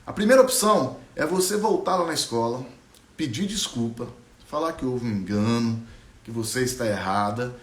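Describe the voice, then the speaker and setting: A man voicing a wise old bush who counsels gently and calmly. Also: mid-range voice, echoey room, voice pushed down, lightly acted. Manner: calm, soothing, measured.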